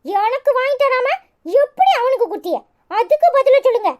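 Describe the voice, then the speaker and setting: A woman's voice: very high-pitched, animated, normal speed. A woman voicing a feisty, stubborn little village girl with a Kanyakumari Tamil accent, arguing sarcastically in a cartoon. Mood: indignant. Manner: sharp, argumentative, sarcastic retorts. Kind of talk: cartoon voice acting.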